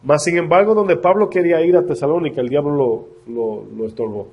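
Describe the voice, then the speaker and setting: A male pastor giving a sermon to his congregation. He sounds congested and husky, speaks earnestly, and slows down when reading scripture. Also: on the high side, muffled recording. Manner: earnest preaching, addressing the congregation directly; slows down to read scripture aloud.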